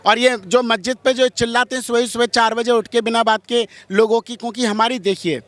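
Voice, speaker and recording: Here a man's extremely high-pitched voice moves briskly, tone steady and a little bright. He answers street interview questions as a religious figure, combative and strident, hurling rhetorical questions with passion.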